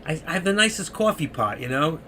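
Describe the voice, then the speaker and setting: Losing his voice, this middle-aged trading stream moderator chats away to his viewers in a loose, rambling style. His voice runs a little high, animated, sharp-toned and fairly quick, with a little hiss or hum behind it.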